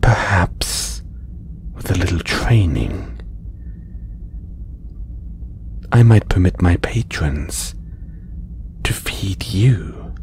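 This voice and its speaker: In an audio roleplay done as intimate ASMR, a man plays a condescending, possessive alien collector who keeps a human specimen. His low, darkish voice is breathy and whispery, heavily acted, slow and coaxing, full of condescending curiosity.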